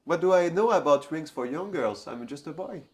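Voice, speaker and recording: A man's voice: fairly high pitch, lively intonation, moderate pace, a little mellow, voice pushed up, natural voice. Cheeky little boy playing dumb, all innocent and teasing, told by a man. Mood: mock innocent. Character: Krishna, playful seven-year-old boy feigning innocence.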